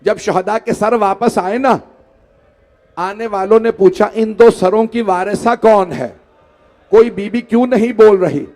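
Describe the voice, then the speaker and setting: A man's voice: sits high, measured pace, a little mellow. A man reciting a mournful religious sermon, pleading with the gathering and rising into wailing lament. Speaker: majlis orator. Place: mosque hall.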